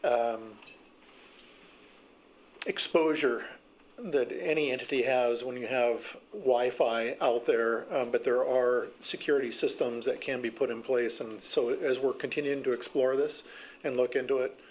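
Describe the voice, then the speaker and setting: A man's voice: mid-range voice, unhurried, a little mellow, a little hiss or hum, low-quality recording. A man answering a councilmember's question at a council meeting as a city official, explaining things in a matter-of-fact way.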